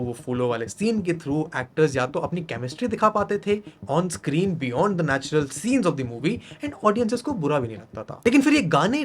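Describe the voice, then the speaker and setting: A man's voice: a little high, slight background noise. A man narrating a video essay in a scripted, explanatory way. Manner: mixes Hindi and English, explanatory.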